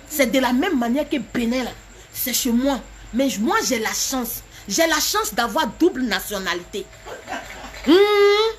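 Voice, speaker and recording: A woman's voice: high voice, fairly bright tone. A woman, talking straight to her viewers on a live stream, emphatic and repetitive, laughing between phrases. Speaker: live video host.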